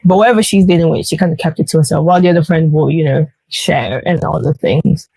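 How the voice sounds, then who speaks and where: A woman's voice: low voice, fast, creaky, dark tone, slightly rough, no room sound, rough recording. A woman hosting a podcast conversation, speaking thoughtfully and earnestly with frequent restarts. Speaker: podcast host. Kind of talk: reflective conversational chat.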